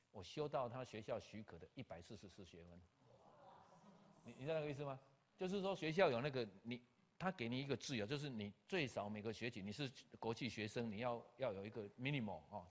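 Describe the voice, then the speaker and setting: Older pastor in a reverberant hall. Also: male voice, medium pitch. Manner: animated, acts out dialogue, scattered English terms. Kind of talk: personal storytelling.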